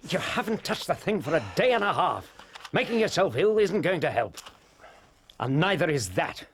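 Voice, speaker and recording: A steady, well-mannered doctor and companion in a detective radio drama. His voice is slightly husky and expressive, earnest and polite. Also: a little high, moderate pace. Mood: concerned, exasperated. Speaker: actor in an audio drama.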